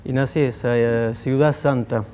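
A man's voice: mid-range voice, fairly even intonation, normal speed, mellow, a little hiss or hum. Armenian man, hesitant guest. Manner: hesitant, many fillers and restarts. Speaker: guest musician. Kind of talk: TV studio interview. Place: TV studio. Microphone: lapel mic.

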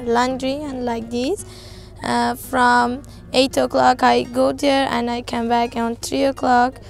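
A 15-year-old Afghan girl, a volunteer translator whose first language isn't English, answers interview questions outdoors on a roadside. Her high-pitched, creaky voice carries an Afghan accent as she speaks halting, simple non-native English.

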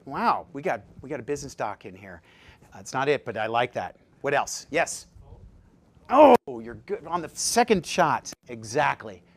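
A man giving a live seminar talk as presenter, jokey and lively, quizzing his audience with questions. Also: medium pitch. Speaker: presenter at a dental practice seminar.

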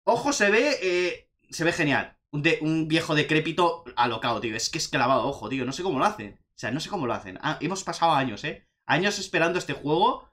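A young man with a Spanish accent from Spain, chatting excitedly as he reacts to a video game trailer. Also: a little high, fairly quick, few pauses. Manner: excitable, chatty, says "tío" often. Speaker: gaming youtuber reacting to a trailer.

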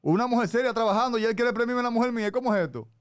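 Racing along in a very high-pitched, clean voice with no room sound, a young Dominican radio host makes a prank call. He's teasing and insistent in comic banter, heard on a close broadcast microphone with a headset.

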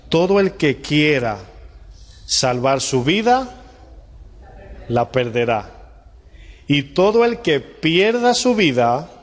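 A man's voice: mid-range voice, long reverb tail. A male pastor preaching a sermon to his congregation, speaking conversationally and often putting rhetorical questions to the listeners.

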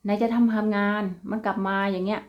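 A woman's voice: medium pitch, flat delivery, quick pace, muffled recording. This is a young woman with a Northeastern Thai Isan accent, chatting in a casual vlog. She talks freely and familiarly, calls her viewers brothers and sisters, and laughs often. Her voice sits in a middle register for a woman. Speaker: vlogger.

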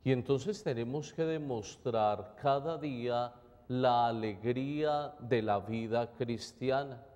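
A man from reads the gospel at Mass in an unhurried, measured, solemn way. His tone is dark and mellow. A long cathedral echo trails every phrase. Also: medium pitch. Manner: slow, measured, solemn reading. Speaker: priest. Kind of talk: liturgical gospel reading and homily. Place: large church during Mass. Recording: long church reverb.

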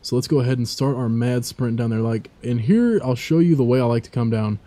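Rambling man with a mellow voice. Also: mid-range voice, fairly quick. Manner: rambling, many fillers and asides. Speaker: let's play commentator. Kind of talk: casual gameplay commentary.

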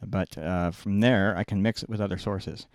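A middle-aged video production engineer gives an informal, step-by-step technical walkthrough in a small indoor control room, correcting himself as he goes. His deep voice holds a steady tone at a moderate pace. The close boom mic yields a dry, clean studio sound.

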